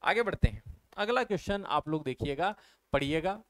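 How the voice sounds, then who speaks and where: A man teaches an exam-prep maths lesson, walking through each step and asking his viewers question after question. His voice sits high and sounds smooth and resonant. The recording is dry and close. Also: expressive, normal speed, a bit bright, dry recording. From India. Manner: explains step by step, keeps asking the viewers questions and answering them.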